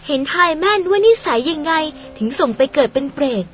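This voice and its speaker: A woman voicing a chatty, spirited young woman in an audio drama. She talks in a lively, polite, gossipy way and is quick to get indignant. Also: sits high, faint music behind.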